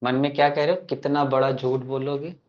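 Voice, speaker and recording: A man's voice: medium pitch, little pitch movement, fairly quick, lo-fi sound. A man teaching an online grammar class, playful and teasing his students as he explains. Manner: addresses students fondly as kids.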